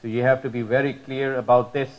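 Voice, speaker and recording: A man's voice: medium pitch, little pitch movement, quick pace, muffled recording. A man teaching Arabic pronunciation in a religious lesson, patiently repeating model sounds with many fillers.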